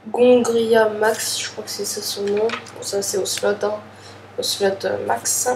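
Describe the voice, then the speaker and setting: A woman's voice: mid-range voice, little pitch movement, slow pace, gravelly, darkish tone, slight background noise. Hesitant woman opening card packs. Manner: hesitant, apologetic, many fillers. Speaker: card pack opener. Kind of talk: casual unboxing commentary. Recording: distant echoey room with faint ambience.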